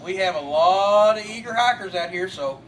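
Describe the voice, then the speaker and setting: A man's voice: sits high, expressive, moderate pace, a bit bright. Man doing a jolly Australian outback guide. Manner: jokey, upbeat, addresses the crowd as mates. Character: cheerful outback guide man, teasing, folksy. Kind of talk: live church skit acting. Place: large hall with an audience. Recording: roomy distant live recording with audience and noise.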